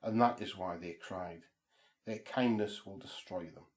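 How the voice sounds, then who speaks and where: A man's voice: sits low, unhurried. A man speaking as a horror host, telling spooky material in a solemn, theatrical, incantatory way. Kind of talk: spooky scripted narration and ritual chanting. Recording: roomy, echoing sound.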